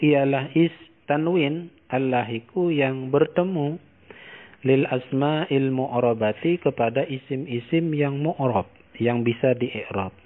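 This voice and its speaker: A man's voice: medium pitch, narrow, tinny audio. An Indonesian-accented man teaching a classical text, reading Arabic phrases aloud and translating each one in turn. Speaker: Islamic teacher. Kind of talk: classical text study lesson.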